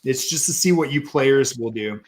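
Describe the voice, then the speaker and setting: A man's voice: medium pitch, moderate pace. A laid-back man hosts a casual podcast chat and swears easily as he talks. His voice sits in a middle range. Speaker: podcast host, former pitcher.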